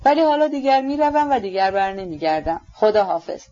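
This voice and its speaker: A woman voicing a gentle, sincere young prince who speaks earnestly and openly, in a dull lo-fi recording. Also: medium pitch, big pitch swings, close to an everyday voice.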